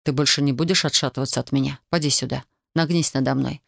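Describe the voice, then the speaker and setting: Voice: mid-range voice, fairly even intonation, fast talker, vocal fry, a bit bright, no room sound, studio quality, pitched below the performer's own voice. A narrator voicing a wounded young male soldier who speaks tersely and with exasperation, in an audiobook reading.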